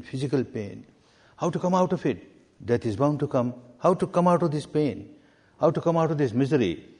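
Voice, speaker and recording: A man's voice: mid-range voice, dark tone. Man teaching in a hall. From Myanmar. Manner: deliberate, repeats key words for emphasis. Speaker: meditation teacher. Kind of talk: answering questions in a spiritual talk. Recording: long reverb of a hall.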